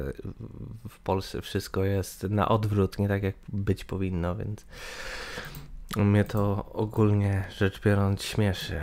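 Recorded in a small room through a webcam visible in the corner of a screen capture, a young Polish gaming channel host in his twenties voices his opinion. His voice is lowish and darkish, and he hesitates a lot with fillers and restarts.

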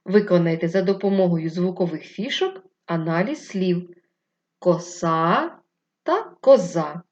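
Woman, primary teacher, remote lesson, low-ish lively voice, unhurried, muffled recording. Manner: patient, drawn-out instructive speech with questions to pupils. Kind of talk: slow, clear remote literacy lesson for children.

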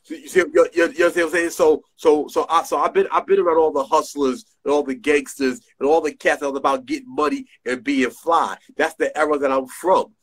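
The recording is low quality: a middle-aged New Jersey designer with a New York area accent talks briskly, with hardly any pauses, in a slightly high, husky, steady voice. A guest on a casual video call shot on his phone's front camera in a small room, he uses street slang and repeats himself for emphasis.

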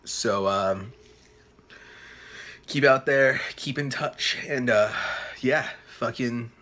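In a small apartment, a late-twenties man rambles to a phone camera at arm's length, loose and profane, his thoughts halting on fillers and trailing away. The voice is medium in pitch, pushed and bright.

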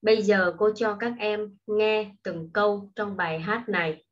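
A woman teaching a primary school English lesson online, explaining patiently and slowly to children. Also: medium pitch, steady tone. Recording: dull lo-fi recording.

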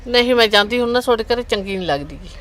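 A woman's voice: a little high, lively intonation, very fast, a bit bright. A woman acting a nosy neighbour aunt who eavesdrops on the family's quarrels and defends herself with gossip. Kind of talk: family comedy skit acting.

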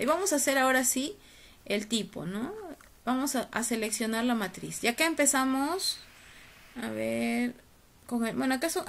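Over a video call, a woman university teacher delivers an online class lecture in a high-pitched, slightly bright voice. Her questions coax and tease the students.

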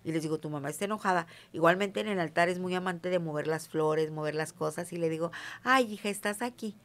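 Here the same sort of guest, a middle-aged self-professed witch with a Mexican Spanish accent, speaks in a lowish voice and a brisk tempo. She keeps the casual interview lively and emphatic, frequently checking "¿sí me entiendes?"

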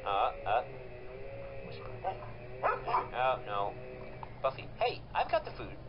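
A man chatting casually to his dogs and his viewers in a home video. His voice rises and falls a lot but his pace stays slow and easy. The recording sounds dull and lo-fi, with loud noise underneath. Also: medium pitch, huge pitch swings, gravelly. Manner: coaxing, playful, giving dogs commands. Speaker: vlogger. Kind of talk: casual home vlog talking to pet dogs.

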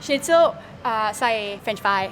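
A young woman from Germany with a German accent, chatting casually as an interview guest in simple, halting non-native speech with mispronounced words. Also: fairly high pitch, lively intonation, music in the background. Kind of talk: casual chat. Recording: clearly noisy ambient background.

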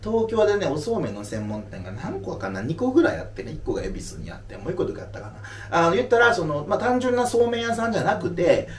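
A man's voice: high voice, huge pitch swings, fast talker, few pauses, roomy sound, recorded from a distance. A man in his thirties from Japan, a comedian answering audience questions after a show in a playful, mock-serious lecturing way. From Aomori, Japan. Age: 30s. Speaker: stand-up comedian. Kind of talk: casual Q&A talk after a live show. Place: live venue.

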